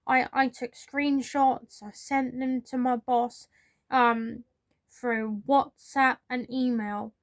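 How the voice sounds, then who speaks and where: A young British woman recounts a personal story for her vlog, earnest and candid, with frustration showing through. Her voice sits somewhat high. It is recorded dry and close, with no echo around it. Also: level tone, slow. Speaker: vlogger.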